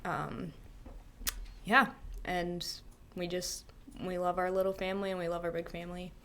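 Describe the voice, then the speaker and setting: A woman in her late twenties, a podcast guest chatting casually and softly, often trailing off. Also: on the low side, level tone, normal speed, a little hiss or hum. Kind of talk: casual chat.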